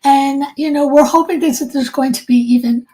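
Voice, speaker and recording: A woman's voice: high voice, fairly even intonation, normal speed, dark tone, low-quality recording. A woman hosting a book talk interview, speaking in an effusive, enthusiastic way. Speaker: host interviewing an author.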